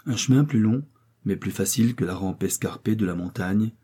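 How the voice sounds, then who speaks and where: Male audiobook narrator, dark mellow tone, measured delivery. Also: on the low side, husky. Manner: measured, descriptive storytelling. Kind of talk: scripted narration of a classic novel.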